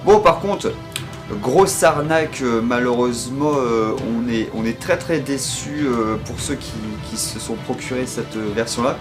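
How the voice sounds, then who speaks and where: A man's voice: mid-range voice, fairly even intonation, normal speed, hardly any pauses, over music. A man with a French accent talking casually about the games in his collection, hesitant and full of fillers and restarts. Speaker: game collector showing his purchases. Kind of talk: casual video commentary.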